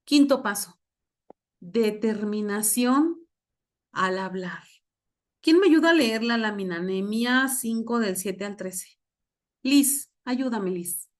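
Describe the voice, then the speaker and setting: Slow, emphatic woman pastor. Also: fairly high pitch, expressive. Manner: slow, emphatic, repeats key words. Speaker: pastor teaching a leadership class. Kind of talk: church class lecture.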